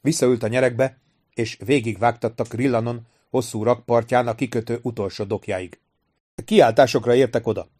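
A man reading a storybook aloud as narrator. He keeps a steady, measured pace of scripted narration, at a mid pitch for a man. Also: no room sound, clean studio sound. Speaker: audiobook narrator.

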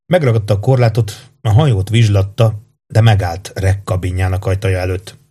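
A man with a husky voice reading a fantasy story as measured scripted narration. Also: on the low side, mellow. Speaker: audiobook narrator.

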